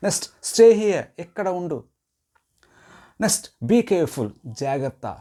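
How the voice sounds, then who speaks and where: A man teaching spoken English, saying each short phrase slowly and clearly, then explaining it in a quicker flow. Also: fairly high pitch, very animated, dark tone.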